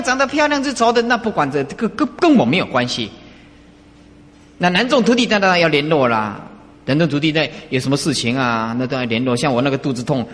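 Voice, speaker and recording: A man giving a casual dharma talk as a Buddhist master, conversational and animated, often asking his listeners rhetorical questions. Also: a little high. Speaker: Buddhist master teaching disciples. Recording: reverberant hall.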